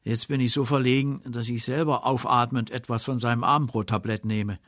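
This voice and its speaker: A man giving a scripted spiritual reflection, measured and quietly self-ironic. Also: medium pitch, steady tone, no room sound, clean studio sound. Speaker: preacher.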